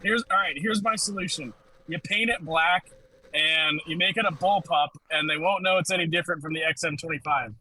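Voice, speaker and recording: A man casually presenting a weapon pick to friends on a voice call, in a playful sales-pitch manner. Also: brisk, bright, forceful tone, poor audio. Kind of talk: casual group chat on a voice call.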